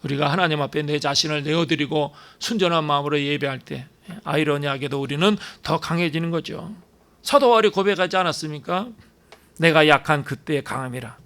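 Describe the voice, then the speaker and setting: A man's voice: fairly high pitch, fairly even intonation, brisk, a bit bright, clear, resonant tone. A male pastor preaching a sermon, emphatic, asking rhetorical questions and dropping in short affirming "yes" interjections.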